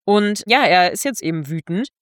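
A chatty woman retells a story in relaxed conversation, checking in with her listener now and then. Her voice sits at a middle pitch. The sound is dry and close, with no room around it. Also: normal speed, no echo. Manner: chatty, keeps tagging lines with 'ne?'. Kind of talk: casual chat retelling a novel.

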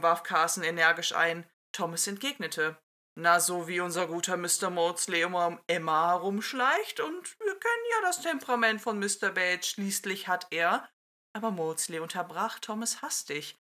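A woman's voice: medium pitch, sharp tone. A woman co-hosting a podcast, reading a listener-written story aloud with light character voices, then chatting casually.

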